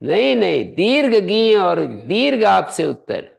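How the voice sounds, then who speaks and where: Gravelly-voiced man teaching a grammar class. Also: high-pitched, big pitch swings, a little slow. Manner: quizzes students, presses them to answer aloud; patient step-by-step explaining. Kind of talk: classroom lesson.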